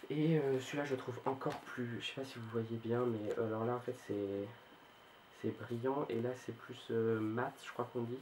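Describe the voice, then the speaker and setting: A man's voice: medium pitch, steady tone, moderate pace, a little mellow, a little hiss or hum, rough recording. A man casually showing his book collection on his video channel, talking hesitantly with many fillers and restarts. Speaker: book vlogger.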